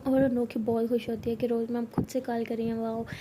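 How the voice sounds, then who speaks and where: A woman's voice: on the high side, level tone, a little fast, noisy background. A young woman telling a love story in a casual, chatty way, full of filler words. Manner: chatty, uses many fillers.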